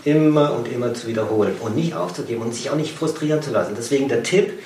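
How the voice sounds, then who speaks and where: A man's voice: mid-range voice, expressive, fast talker, a little mellow, echoey room, recorded from a distance, a little hiss or hum. A man in casual conversation who talks in an encouraging way and repeats phrases for emphasis.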